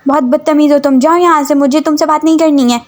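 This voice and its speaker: A woman's voice: high-pitched, fairly even intonation, quick pace, voice pushed up, lightly acted. A woman voicing a studious young female university student who scolds irritably. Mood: irritated.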